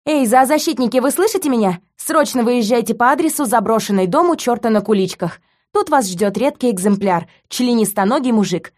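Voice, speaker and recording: A woman's voice: fairly high pitch, lively intonation, brisk, a little mellow, pitched above the performer's own voice. A woman doing a defiant, mocking young heroine. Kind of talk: audiobook reading.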